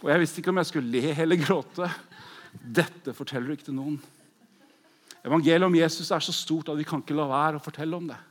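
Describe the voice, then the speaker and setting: A man in his forties delivering a pentecostal sermon at a conference, with a fairly high voice. He preaches fervently, jumping from loud, eager exclamations to soft, hushed prayer. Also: steady tone, few pauses. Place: large conference hall.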